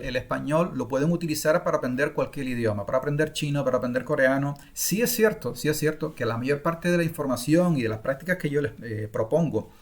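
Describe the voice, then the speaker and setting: With a medium-pitched voice, a middle-aged Spaniard who makes language-learning courses improvises an online masterclass on acquiring languages. A native Spanish speaker, he keeps pausing with fillers and restarting what he's saying.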